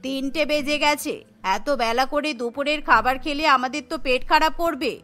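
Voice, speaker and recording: A woman's voice: high-pitched, steady tone, normal speed, pushed and bright, voice pushed down. A woman voicing a stubborn, domineering middle-aged mother-in-law in a cartoon, with a scolding manner.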